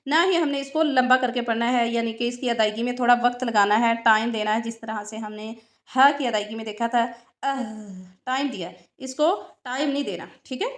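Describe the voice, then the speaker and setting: A woman's voice: a little high, a little fast. A woman teaching Quranic pronunciation, patiently drilling sounds and repeating examples with frequent check-ins. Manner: checks in with "ठीक है" often. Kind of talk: tajweed lesson.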